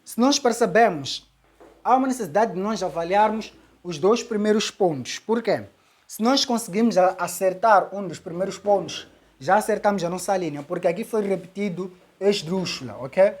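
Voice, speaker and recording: A woman's voice: medium pitch, moderate pace, a little mellow. A woman teacher, working through an exam question step by step, repeating key words and checking in with "ok?". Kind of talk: exam-solving lesson.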